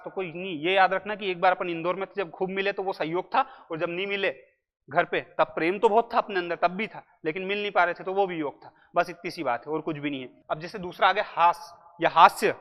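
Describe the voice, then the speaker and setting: High-voiced male teacher, jokey. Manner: chatty, jokey, addresses students as brother. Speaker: Hindi grammar teacher. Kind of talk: casual exam-prep lecture. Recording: muffled lo-fi audio in a reverberant room.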